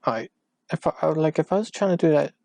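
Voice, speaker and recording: A man's voice: on the high side, expressive, quick pace, gravelly, dark tone, no room sound. A man hosting his first solo podcast from home at night, rambling and hesitant, often out of breath, on a cheap microphone. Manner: meandering, hesitant, full of restarts and fillers. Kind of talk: rambling casual monologue.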